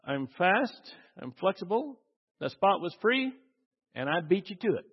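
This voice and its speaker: A man's voice: high voice, very animated, a little slow, husky, pitched above the performer's own voice, heavily acted. Man doing a brash cocky young guy. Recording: dull audio with long hall reverb.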